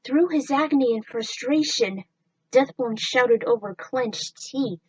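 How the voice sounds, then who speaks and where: A woman's voice: on the high side, a little slow, breathy edge, dry recording, recorded from a distance, low-quality recording. A woman reading her own fan fiction aloud, breaking off for enthusiastic, chatty asides. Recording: dry voice set back from the mic.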